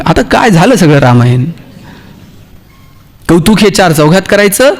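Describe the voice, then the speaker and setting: A man with a Marathi accent giving a motivational speech, telling humorous stories and acting out the dialogue for his audience. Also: high voice. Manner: storytelling, acts out dialogue, jokes with the audience. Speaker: motivational speaker.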